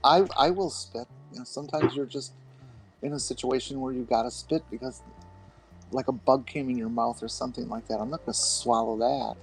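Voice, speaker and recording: A man's voice: mid-range voice, steady tone, brisk, vocal fry, soft background music, rough recording. A man bantering casually as a member of a panel.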